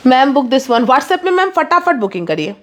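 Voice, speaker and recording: High-voiced woman rattling off a sales pitch. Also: sing-song, a bit bright. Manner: rapid, pushy sales patter, mixing English in. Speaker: online saree seller. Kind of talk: live sales stream.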